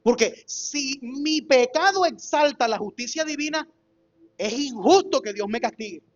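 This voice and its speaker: A man's voice: very high-pitched, lively intonation, a little slow. Pastor guy preaching, emphatic, keeps asking the church questions, muffled lo-fi audio. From Colombia. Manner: emphatic, rhetorical questions to the congregation. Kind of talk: expository sermon. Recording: dull lo-fi recording with faint music.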